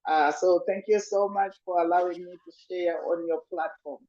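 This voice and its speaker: A man's voice: high-pitched, steady tone, moderate pace, darkish tone, muffled recording. A man speaking from a hospital bed over a video call, upbeat and casual. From Zimbabwe. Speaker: business owner sharing a testimonial.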